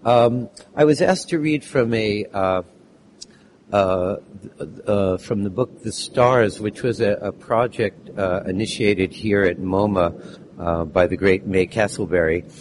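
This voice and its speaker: A man with a lost, hoarse voice introducing and reading his text at a live poetry event, halting with many fillers. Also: fairly low pitch, a little hiss or hum. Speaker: poet reading his work.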